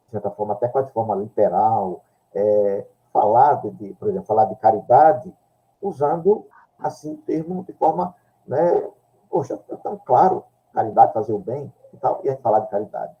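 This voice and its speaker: Man, very mellow dark tone, thoughtful and halting, muffled lo-fi recording. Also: medium pitch. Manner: thoughtful, halting, repeats words while searching. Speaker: study group speaker. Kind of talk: reflective group discussion. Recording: dull lo-fi recording.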